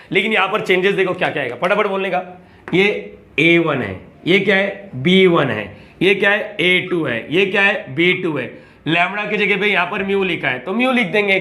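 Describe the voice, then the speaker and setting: A man's voice: sits high, bright, forceful tone. A young man teaches a math lesson. He talks in a chatty, coaxing way and keeps firing questions at his students as he works through each step. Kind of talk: classroom lecture.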